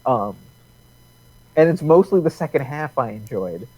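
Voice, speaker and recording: A man's voice: medium pitch, big pitch swings, measured pace, crowd noise, poor audio. A man co-hosting a casual podcast chat, easygoing and rambling, often restarting his sentences. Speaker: podcast co-host.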